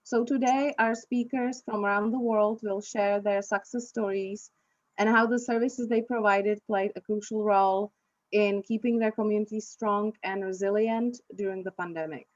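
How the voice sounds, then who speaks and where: A woman introduces a conference session, halting often with fillers and restarts. Her voice sits in a middle range. The recording is dry and slightly muffled. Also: mid-range voice, steady tone, dry recording. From Czech Republic. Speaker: session moderator, librarian.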